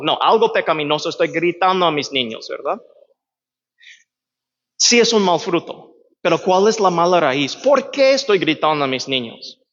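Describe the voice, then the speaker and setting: In a reverberant church hall, a male pastor teaches through a sermon in a voice that leans high and slightly bright. His manner is conversational, often checking with listeners by asking "¿verdad?" The audio is dull and carries a long church echo.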